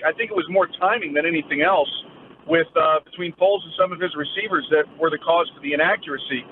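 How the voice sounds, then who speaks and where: Man field reporter on a thin phone line. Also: on the high side. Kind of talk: live news field report, conversational sports analysis. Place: live remote phone link from Cleveland. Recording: phone-like narrowband line with faint noise.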